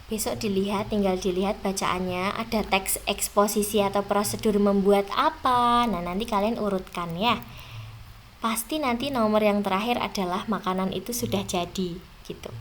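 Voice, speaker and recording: In an exam review lesson, a young woman speaks directly to her students, slowly stretching out the words she emphasizes. Her voice sits at a medium pitch, with a faint hiss or hum in the recording.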